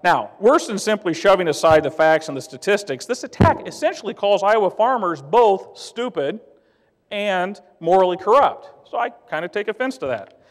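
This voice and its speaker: A man's voice: high-pitched, very animated, brisk. A man giving an emphatic, plainspoken conference speech as a trade association director. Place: conference hall. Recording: long hall reverb.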